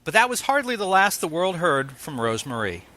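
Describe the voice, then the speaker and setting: A man with a slightly high, bright, forceful voice hosts an interview show at a moderate, sing-song pace. He reads a scripted introduction and ads, then shifts into conversational questions.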